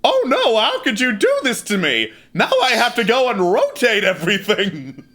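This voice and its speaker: A man's voice: high voice, wildly swooping pitch, moderate pace, pushed and bright, heavily acted. A man voicing an indignant, pleading toilet mimic monster in an improvised tabletop game. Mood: mock dismay. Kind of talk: improvised tabletop role-play.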